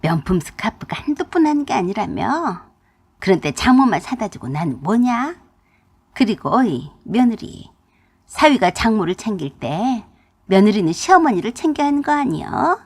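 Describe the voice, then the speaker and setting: A woman's voice: medium pitch, very animated, moderate pace, slightly rough. A woman voicing a furious older mother-in-law who scolds in rustic dialect turns, in a radio drama reading.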